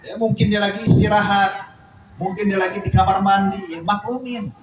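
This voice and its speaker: Lively preacher in echoey hall. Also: male voice, sits high, moderate pace, a crowd in the background. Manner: animated, acting out dialogue in the story. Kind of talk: sermon storytelling. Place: mosque or study hall. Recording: echoey hall, distant mic, noise.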